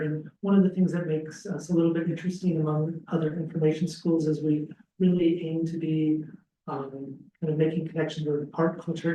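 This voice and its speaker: A school dean runs a relaxed information session for prospective students in a classroom, with the audience present and the event also streamed on a video call. His voice is on the high side, full of ums and restarts. A laptop webcam some distance away picks him up, giving roomy, distant audio with slight background noise.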